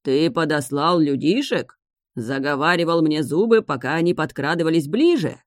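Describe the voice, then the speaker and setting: Brief: reader playing a vengeful sea king, slow, growling, dry close sound. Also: on the high side, dry recording, lightly acted. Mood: enraged. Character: furious grieving male sea king, vengeful.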